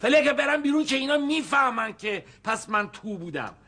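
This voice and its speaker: A man's voice: extremely high pitch, lively intonation, pushed and bright, full character voice. An actor playing a scheming man who rambles to himself with hesitant restarts, in a TV comedy series. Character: scheming middle-aged man plotting his next move.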